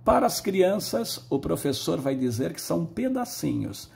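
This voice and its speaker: A man's voice: a little high, big pitch swings, normal speed, vocal fry, a little mellow. A male teacher giving a patient, explanatory lesson and drawing out words when he models them. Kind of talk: recorded lesson on early literacy.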